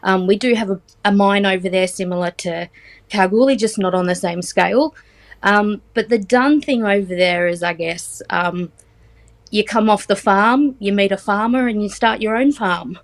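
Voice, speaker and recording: An Australian woman in her forties, chatting as a guest in a casual interview, filling pauses with ums and teasing lightly. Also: medium pitch. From Australia, Central West New South Wales. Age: 40s.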